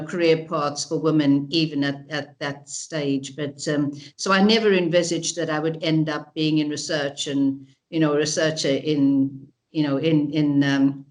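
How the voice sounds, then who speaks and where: A middle-aged woman from South Africa, a researcher giving an interview, reflective and hesitant with many restarts. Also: low voice. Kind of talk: recorded interview.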